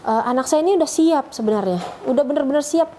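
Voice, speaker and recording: A woman's voice: sits high, animated, fast talker, mellow, slight background noise, low-quality recording. A middle-aged woman telling the story of how she came to Islam, in a chatty, rambling way with many restarts. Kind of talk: emotional personal testimony.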